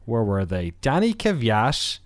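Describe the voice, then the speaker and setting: A man with a smooth, resonant voice, recorded close and dry, recaps a race in casual podcast chat. He rambles and restarts, filling gaps with "uh" and "um". Now and then he drops in a wry aside. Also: mid-range voice, wildly swooping pitch, takes it slowly, no room sound. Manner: rambling with many fillers and restarts. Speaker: podcast host.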